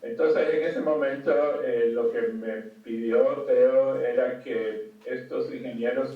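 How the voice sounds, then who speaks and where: An older man from Cuba giving a conference talk over a video call, halting with many fillers and restarts. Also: medium pitch. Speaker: conference speaker. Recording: distant, dull, echoey call audio.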